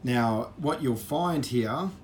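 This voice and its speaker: A man walking through an educational software system, explaining it in a relaxed way with fillers. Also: mid-range voice, slow, a little hiss or hum. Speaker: presenter demonstrating software. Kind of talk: casual walkthrough.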